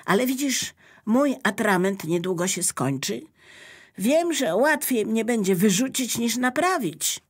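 A woman's voice: fairly high pitch, animated, a little slow, slightly rough, pitched above the performer's own voice. A woman voicing a helpful, eager fountain pen in a children's story.

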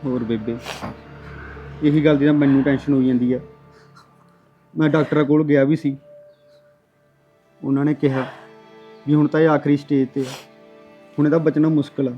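A man's voice: on the high side, little pitch movement, normal speed, long pauses, highs cut off, soft background music, natural voice. An actor playing a worried young husband who earnestly reassures an older woman. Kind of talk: village drama acting.

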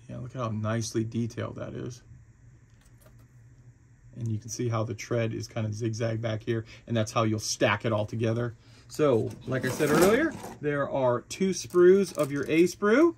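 A man casually talking through the parts of a model kit, chatty and relaxed, with frequent fillers and restarts. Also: mid-range voice, vocal fry, a little hiss or hum. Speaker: hobby shop owner reviewing a model kit. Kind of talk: casual product walkthrough.

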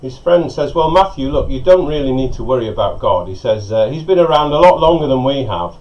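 Out on a covered lakeside porch, a middle-aged pastor wearing a lapel mic delivers a sermon full of animated stories, his hands gesturing as he goes. His medium-pitched voice moves at a brisk pace, and the audio is a bit dull, with faint ambience from outdoors.

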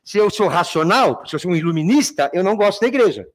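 A man's voice: high-pitched, lively intonation, fast talker. A Brazilian man teaching a literature review class, often checking that students follow and calling them by fond names. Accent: Brazilian Portuguese. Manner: keeps checking understanding, addresses students fondly. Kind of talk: exam review lecture.

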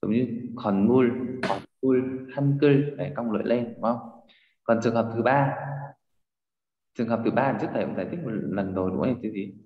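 Fast-talking male teacher, echoey dull sound. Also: fairly low pitch. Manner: quizzing and explaining, frequent tag questions. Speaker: Korean language teacher. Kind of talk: online language lesson.

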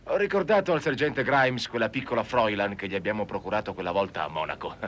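Wry, bright-voiced army schemer. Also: male voice, on the low side, fast. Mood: confident. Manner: wry, confident. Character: wry, smooth-talking army buddy, a scheming ladies' man. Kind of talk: dubbed film comedy acting. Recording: old film soundtrack, music behind.

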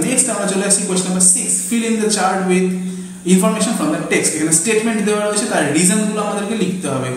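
A male English teacher, walking students through exam answers and dictating them slowly, word by word. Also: sits high. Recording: very echoey room.

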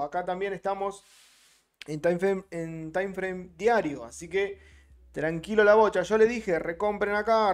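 Rioplatense man, live stream commentator; chatty, greets the chat, gravelly tone with soft music behind. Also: sits high. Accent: Rioplatense Spanish. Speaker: trading streamer.

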